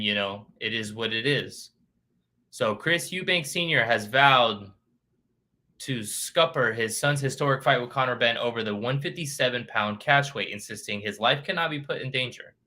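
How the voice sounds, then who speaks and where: A man's voice: mid-range voice, sharp tone. A man hosting a casual boxing vlog, reading news headlines aloud and chatting with lots of fillers. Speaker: boxing channel host.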